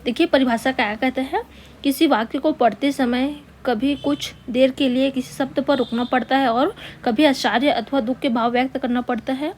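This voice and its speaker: Woman, grammar teacher, slightly high voice, dictates word by word, rhetorical questions, faint hiss. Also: darkish tone. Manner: patient, repeats key words and asks rhetorical questions; dictates slowly word by word while writing. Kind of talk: Hindi grammar lesson.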